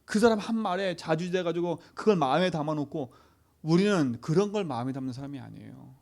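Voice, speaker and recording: A man's voice: fairly high pitch, animated, fairly quick, creaky, darkish tone. A man preaching a sermon to a youth service, emphatic, who keeps asking the congregation short questions for agreement. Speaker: pastor.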